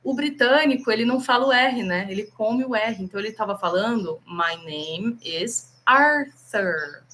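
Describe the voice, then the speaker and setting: A chatty Brazilian woman with a Brazilian Portuguese accent runs a live English lesson and talks straight to her viewers. Her voice sits a little high. A faint hiss hangs under the recording. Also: fast, a bit bright. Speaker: English teacher.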